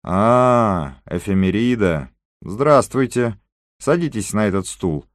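A man voicing an excitable, talkative Frenchman in an audiobook, speaking with animated emphasis. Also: on the low side, slow, no room sound, clean studio sound. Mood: wry.

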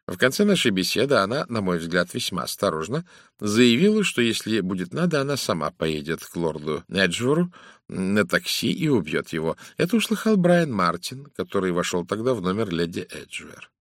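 A man's voice: on the low side, big pitch swings, moderate pace, no room sound, clean studio sound. A man voicing a fussy older male detective who lectures suspects in a precise, theatrical manner. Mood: lecturing. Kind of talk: audiobook character reading.

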